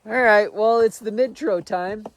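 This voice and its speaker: A man narrates his day in the snowy backcountry in a chatty, joking way, with bursts of exclamation. His voice sits fairly high and has a gravelly edge. Loud wind and engine noise roar around him outdoors. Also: measured pace. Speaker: vlogger. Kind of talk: casual outdoor vlog narration.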